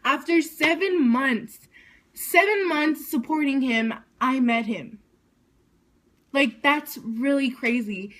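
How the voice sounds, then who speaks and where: A woman telling a story to her vlog audience, excitable and rambling, saying "like" constantly. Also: high voice, slow. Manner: excited, rambling, heavy use of "like". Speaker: vlogger.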